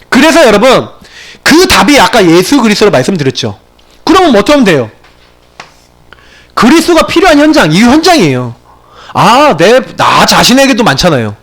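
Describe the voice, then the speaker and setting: A male pastor preaching from a church pulpit, his fairly high voice climbing sharply for emphasis. He swings widely in pitch, jumping between forceful exclamations and quiet, confiding remarks. The delivery is animated and conversational. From Gyeongsang region of Korea. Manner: animated preaching with sudden loud peaks and quiet asides. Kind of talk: sermon. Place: church sanctuary.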